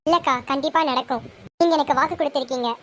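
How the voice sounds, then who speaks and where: An eager young accomplice. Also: female voice, high-pitched, rapid-fire, fairly bright tone, a little hiss or hum. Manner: eager, reassuring. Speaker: younger woman conspirator. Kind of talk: TV serial acting.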